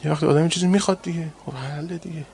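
A man preaching a sermon, telling stories in an animated way and swinging between loud and hushed delivery. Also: fairly high pitch, vocal fry, slight background noise. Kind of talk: sermon with storytelling.

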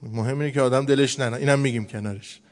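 A male preacher talks through a sermon in an easy, chatty storytelling way, slowing right down whenever he recites scripture. His voice sits at an ordinary middle pitch. A long hall reverb trails after every phrase. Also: steady tone. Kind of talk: colloquial religious sermon.

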